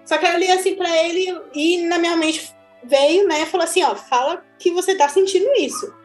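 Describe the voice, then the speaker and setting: High-voiced Brazilian woman telling a story. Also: a little fast. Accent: Brazilian Portuguese. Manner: animated, chatty, laughs often. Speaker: mother telling her birth story. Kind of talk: casual personal storytelling. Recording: echoey room with faint music.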